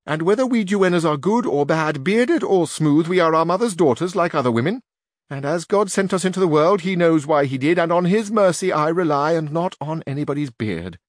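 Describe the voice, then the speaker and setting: A man's voice: on the high side, expressive, a little fast, dry recording, studio quality, natural voice. A man reading aloud and voicing a proud, pious duenna who answers indignantly.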